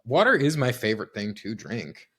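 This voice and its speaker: A man's voice: medium pitch, big pitch swings, moderate pace, fairly bright tone, husky. A man co-hosting a podcast in casual chat, swearing and sarcastic, thinking aloud with lots of restarts. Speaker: podcast co-host.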